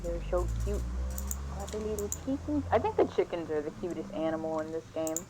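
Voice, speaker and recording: A woman's voice: lowish voice, expressive, brisk, noisy background. A woman chatting casually and easygoingly as a guest on a gaming stream. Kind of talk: casual chat while gaming.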